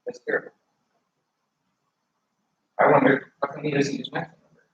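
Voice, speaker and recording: A man's voice: fairly high pitch, wildly swooping pitch, normal speed, lo-fi sound, slight background noise. Guy rambling earnestly, keeps restarting, far off mic, super echoey. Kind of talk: casual argument.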